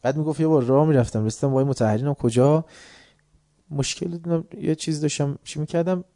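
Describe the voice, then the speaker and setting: A man giving an informal religious class, telling stories with swings between loud and quiet, and reciting verse slowly. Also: mid-range voice, dry recording, clean studio sound. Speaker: religious lecturer.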